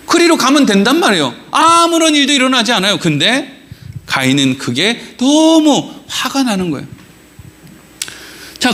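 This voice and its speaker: A very high voice belongs to this middle-aged pastor preaching in a church sanctuary. His sermon is animated and conversational, packed with rhetorical questions and quotes he performs.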